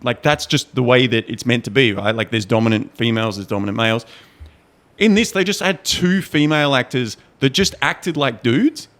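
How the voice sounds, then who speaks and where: A man's voice: medium pitch, moderate pace. A man co-hosting a podcast, chatting casually and retelling a show scene with laughs and swearing. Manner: animated, swearing, laughing storyteller. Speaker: podcast co-host. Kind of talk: casual chat.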